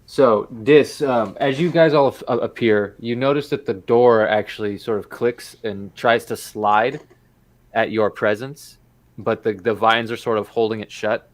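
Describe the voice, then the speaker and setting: A man's voice: fairly low pitch, steady tone, measured pace. A man acting as game master, explaining and narrating a tabletop game in a casual, hesitant way.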